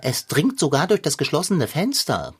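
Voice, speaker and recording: A woman's voice: deep voice, sing-song, moderate pace, breathy edge, heavily acted. A woman voicing a pompous, greedy male tomcat, a fussy gourmand who talks in flowery, formal phrases. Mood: haughty. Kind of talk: cartoon voice acting.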